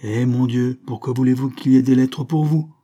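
A man's voice: mid-range voice, steady tone, normal speed, warm tone, highs cut off, natural voice. A man voicing a blunt, grumbling household servant woman who talks brusquely.

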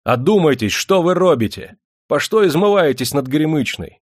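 A man voicing a bold young outlaw hero who calls out ardently and forcefully. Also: mid-range voice, expressive, brisk, slightly rough, dry recording, clean studio sound, pitched above the performer's own voice. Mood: ardent, commanding.

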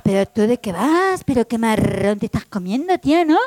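A woman's voice: on the high side, big pitch swings, moderate pace, a little mellow, no room sound. A woman voicing a showy, street-wise female figure of Lie who bosses and chides in blunt slang. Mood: brash, bossy. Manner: blunt slangy bossing, calls others "tía".

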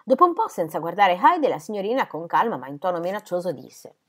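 A woman reading a children's novel aloud with dramatic, expressive delivery. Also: lowish voice, quick pace. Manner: animated, dramatic. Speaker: reader.

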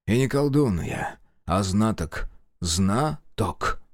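A man voicing a gruff, curt fifteen-year-old village sorcerer in an audiobook. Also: fairly low pitch, lively intonation, takes it slowly, no room sound, clean studio sound. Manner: gruff, curt, rural dialect. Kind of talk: audiobook character voice.

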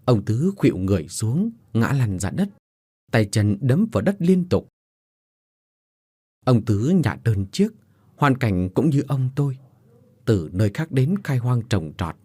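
Expressive male horror storyteller. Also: medium pitch, slightly rough, no echo, studio quality. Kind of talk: scripted horror story narration.

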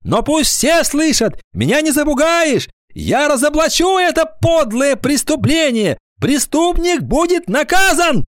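A man's voice: very high voice, big pitch swings, unhurried, hardly any pauses, dry recording, studio quality, voice pushed up, heavily acted. A man voicing an indignant schoolboy of about eleven in an audiobook, declaiming with outrage.

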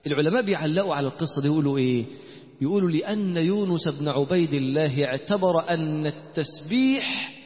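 A man preaching a sermon with an Egyptian accent, animated and firing rhetorical questions at the congregation. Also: a little high, quick pace. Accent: Egyptian Arabic. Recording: muffled, dull recording with long hall reverb.

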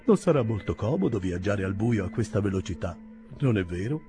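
A man voicing a mild, polite elderly gentleman who asks gentle questions. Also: fairly low pitch, animated, brisk, faint music behind, lightly acted. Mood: curious.

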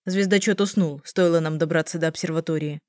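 A woman's voice: low voice, fairly even intonation, brisk, a little mellow, no echo, studio quality, close to an everyday voice. A woman reading an audiobook, voicing a stern young man who firmly reproaches his sister. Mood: grave. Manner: firm, reproachful.

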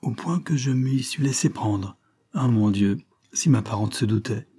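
A man reading aloud, voicing a smooth foreign gentleman who plays a naive count, effusive and ingratiating. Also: mid-range voice, unhurried.

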